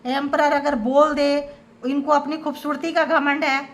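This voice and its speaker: A woman's voice: high voice, little pitch movement, measured pace. A woman giving a tarot reading to her viewers. She talks with emphasis and lists feelings in short repeated phrases. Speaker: tarot reader.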